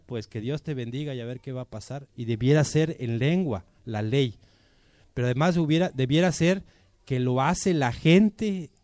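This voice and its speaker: A man's voice: a little high, a little mellow, dry recording. A man with a Mexican accent giving an informal political speech to a community assembly, colloquial and persuasive, with many rhetorical questions. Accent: Mexican Spanish.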